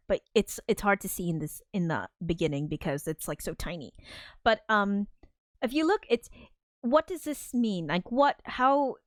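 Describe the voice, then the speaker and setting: Woman host, rambling and chatty, mid pitch, dead-dry close mic. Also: no room sound. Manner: chatty, rambling, often laughing; reads out viewer chat comments. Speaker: livestream host. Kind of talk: casual livestream commentary.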